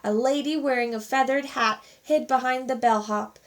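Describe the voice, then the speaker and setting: A teacher reading a children's storybook aloud with expressive, animated narration. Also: female voice, sits high, normal speed.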